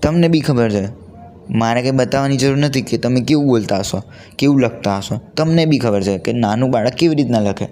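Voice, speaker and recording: A teenage male vlogger, Gujarati-accented, delivers a sincere unscripted motivational talk to camera, mixing English words into colloquial speech. His voice sits at medium pitch with a dark tone, and he speaks fairly quickly.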